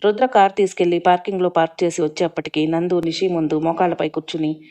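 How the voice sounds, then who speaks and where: Mellow low-voiced woman storyteller. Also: fast. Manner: steady, emotive reading. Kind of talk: scripted story narration.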